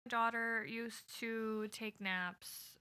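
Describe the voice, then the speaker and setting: A woman's voice: a little high, fairly even intonation, slow, bright, forceful tone, smooth. A woman co-hosting a podcast and chatting casually and jokingly as a mother about her kids. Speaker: podcast co-host. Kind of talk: casual chat.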